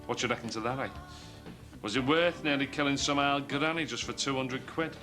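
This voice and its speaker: A man's voice: mid-range voice, a little fast, over music, lightly acted. An actor playing a sly, suspicious working-class man with a Liverpool accent who keeps pressing with insinuating questions. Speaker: neighbour needling a suspect. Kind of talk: TV soap acting.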